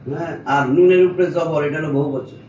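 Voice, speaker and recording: A man teaches a small class in an informal way, patiently working through each step and stopping to check that his students understand. His voice sits a little high for a man. It sounds roomy and a bit distant, with a faint hiss underneath. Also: steady tone, fast, darkish tone. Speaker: Arabic grammar teacher. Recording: echoey room, mic at a distance, faint noise.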